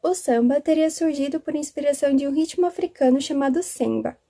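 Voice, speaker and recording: A young woman with a high, soft-toned voice reads a prepared school text aloud. Her delivery is steady and even, with a mellow, unforced tone. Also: fairly quick. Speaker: student presenter.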